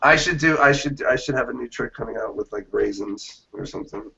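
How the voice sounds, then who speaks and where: A man in his late thirties with a gravelly, husky voice, talking casually as a guest on a dull, lo-fi interview recording. He tells stories with animation and acts out quoted reactions. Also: mid-range voice, brisk, pushed and bright. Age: 30s. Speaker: magician guest.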